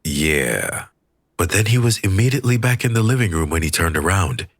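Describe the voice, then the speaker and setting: Deep, husky male audiobook reader. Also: no echo. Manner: measured, expressive storytelling. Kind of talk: scripted audiobook narration.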